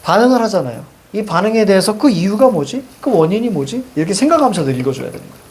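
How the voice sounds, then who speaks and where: A man's voice: sits high, lively intonation, racing, darkish tone, a little hiss or hum. A middle-aged male teacher explains a story to students, marking up the text and asking rhetorical questions. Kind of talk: literature lecture.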